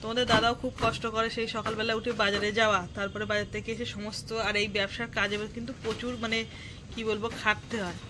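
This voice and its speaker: A home vlogger with a slightly high voice speaks fast and in a level tone, chatting to her audience while she gets chores done. She records on a handheld phone, moving between rooms and outdoors, and the background is full of household noise.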